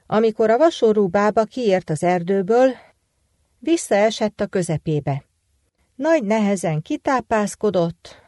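A woman reading a folk tale aloud as the storyteller, in a steady, measured way. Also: medium pitch, no room sound, studio quality.

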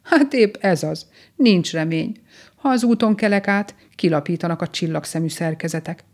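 A woman voicing a gentle, homesick young grey rabbit in a storybook reading, speaking softly and wistfully. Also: lowish voice. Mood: sad. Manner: soft, pleading and wistful.

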